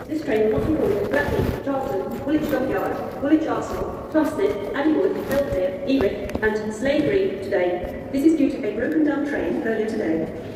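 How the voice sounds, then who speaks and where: A woman in a recorded station announcement, heard over public loudspeakers, formal and measured. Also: high-pitched, animated, distant mic, noisy background. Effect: station public address announcement over loudspeakers. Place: railway station platform. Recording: echoey loudspeaker on a platform heard from afar. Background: station ambience.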